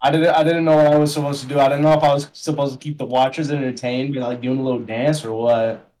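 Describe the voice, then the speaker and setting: A man's voice: medium pitch, little pitch movement, fast talker, warm tone, poor audio. A young man chatting casually as a podcast guest, rambling in slang and filling his talk with "like" and "bro". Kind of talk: casual chat.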